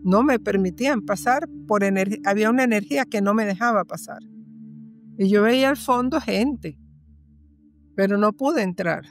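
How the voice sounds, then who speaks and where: A woman's voice: medium pitch, normal speed, faint music behind. A woman guest in an interview, telling a personal story earnestly and repeating phrases for emphasis.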